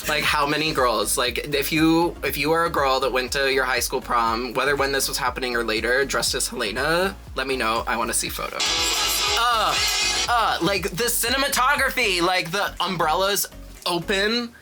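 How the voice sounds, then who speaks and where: A man's voice: mid-range voice, steady tone, a little fast, few pauses, music in the background. A man with a sassy drag queen manner, giving casual, dramatic and emphatic reaction commentary.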